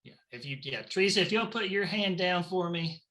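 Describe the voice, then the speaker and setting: Southern male game-show host; bright, high, playful banter. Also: expressive. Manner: playful, chatty, quick banter. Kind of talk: upbeat game-show hosting.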